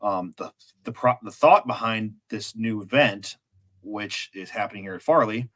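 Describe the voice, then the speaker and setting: Low-voiced male co-host who explains haltingly with many restarts. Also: a bit bright. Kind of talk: casual chat.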